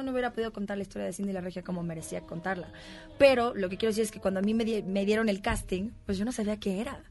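A woman from Mexico City, an actress guest telling animated stories in a casual interview chat, with music faint behind her. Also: medium pitch. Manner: animated, laughing, quick storytelling.

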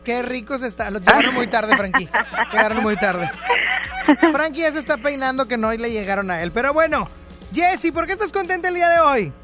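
A man's voice: extremely high pitch, lively intonation, brisk. A man with a Mexican accent hosting a radio show, chatting in a playful, teasing way and repeating lines for laughs. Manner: playful, teasing, repeats himself for comic effect. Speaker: radio host. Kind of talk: casual radio chat. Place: radio studio. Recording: music playing clearly behind.

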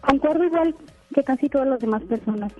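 A woman's voice: sits high, quick pace. Woman calling in over tinny phone. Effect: phone call heard over a radio broadcast. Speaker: radio show caller. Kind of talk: call-in opinion on air. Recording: tinny phone line with faint music.

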